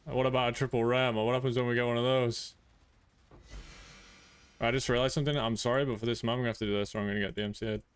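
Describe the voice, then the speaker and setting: A man streaming a game, chatting casually and blurting out excited reactions. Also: mid-range voice, very fast, pauses often, clean tone. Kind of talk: casual live-stream chat.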